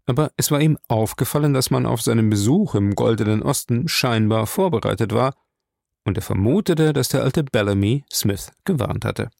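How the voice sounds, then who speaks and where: A man reading an audiobook as narrator in an even, measured style. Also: mid-range voice, creaky, no room sound, studio quality. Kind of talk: scripted narration.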